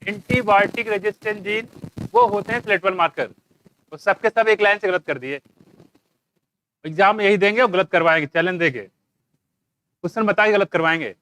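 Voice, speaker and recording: A man's voice: sits high, moderate pace, pauses often, a bit bright, clean tone, dry recording. A man teaching biology to a live class, quizzing students by name and scolding them with jokes. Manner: teasing, scolding, jokey, calls students by name. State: dry throat from shouting.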